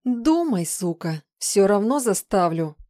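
A woman reading an audiobook, voicing a volatile, spiteful young woman who snaps and turns shrill. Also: steady tone, a little fast, dark tone, no echo, studio quality, close to an everyday voice. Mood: vicious. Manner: snapping, spiteful, shrill when angry. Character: volatile, vicious young woman called the shadow. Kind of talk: audiobook character voice.

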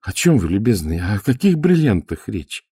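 A man's voice: on the low side, big pitch swings, moderate pace, warm tone, slightly rough, no echo, studio quality, full character voice. A man voicing a courteous, bewildered aristocratic count in an audiobook. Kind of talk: audiobook character voice.

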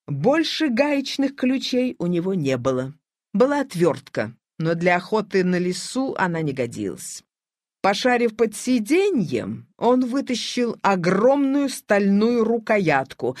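A narrator reading a children's story aloud in an expressive, animated storytelling manner, close to the mic. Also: mid-range voice, no echo.

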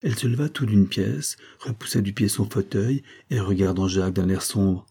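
A man reads a serialized novel aloud in a measured, even storytelling manner. His voice is low, dark and mellow, with a husky grain. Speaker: narrator.

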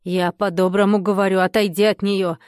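A woman voicing a stern village witch who speaks in a hoarse, commanding way. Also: medium pitch, steady tone, fairly quick, darkish tone, no room sound, clean studio sound, natural voice. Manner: blunt, commanding.

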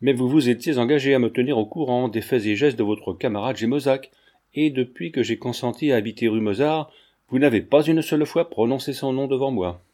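A proud young countess, curt and demanding, who snaps back at her lover, as a male audiobook reader voices her. The voice stays mellow and dark in tone, with no great pitch lift. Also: a little fast, natural voice.

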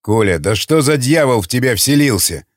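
A man's voice: mid-range voice, expressive, moderate pace, no room sound, studio quality, natural voice. A man voicing a blunt, worried male comrade.

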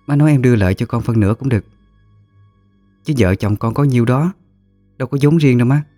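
A man voicing a proud, defiant pregnant young daughter-in-law, sweet-tongued then sharp-tongued. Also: medium pitch, moderate pace, dry recording, soft background music, voice pushed up, lightly acted. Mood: coaxing. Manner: pleading sweetly at first, later sharp and cutting.

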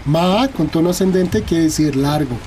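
A man's voice: on the high side, normal speed, a little mellow, a little hiss or hum. A man with a Mexican accent, a guest linguist explaining things in an interview, hesitant and full of fillers and tag questions.

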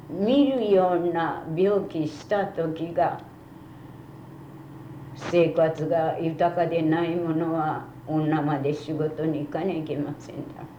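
An elderly woman with a western Japanese accent gives an interview in a soft, dark-toned voice. Her phrasing is measured and politely old-fashioned. The old tape is dull and echoey, with faint noise behind her. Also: lowish voice. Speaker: oral history interviewee. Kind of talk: reminiscing interview talk. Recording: muffled, roomy, faintly noisy tape recording.

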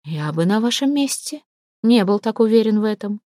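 A woman reading the lines of a pushy, lecherous male business tycoon in an audiobook, in a slow, soft, insinuating way. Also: mid-range voice, expressive, no room sound, clean studio sound, lightly acted. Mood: suggestive, insinuating.

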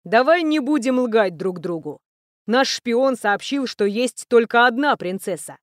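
A woman's voice: on the high side, animated, measured pace, no room sound, clean studio sound. A woman voicing a cold elf prince. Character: cold calculating male elf prince interrogator.

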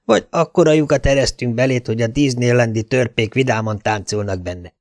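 A man's voice: mid-range voice, a little mellow, no echo, close to an everyday voice. A man voicing a sneering gangster sidekick, Fante. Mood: threatening. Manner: sneering, threatening. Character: mocking male gangster thug partner. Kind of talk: audiobook character voice.

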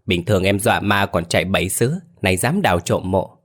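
A man's voice: sits low, a little fast. Man doing a jumpy chatty young girl teasing her brother, storybook voice. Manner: teasing, lively remarks. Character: young village girl, chatty and easily spooked.

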